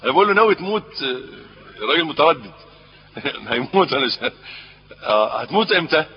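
A man with an Egyptian accent preaching a sermon, rising to emphatic peaks and then dropping low. His voice is husky and sits a bit high. The recording is dull and lo-fi, with a long reverb from a large hall. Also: big pitch swings, fast talker. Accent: Egyptian Arabic. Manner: asks the audience questions. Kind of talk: Islamic sermon.

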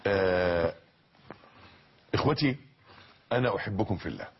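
A male preacher with an Egyptian accent delivers a fervent sermon, repeating phrases and moving between hushed passages and shouts. His voice sits low and has a husky edge. The recording sounds dull and lo-fi. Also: lively intonation, moderate pace. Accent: Egyptian Arabic. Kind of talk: religious sermon.

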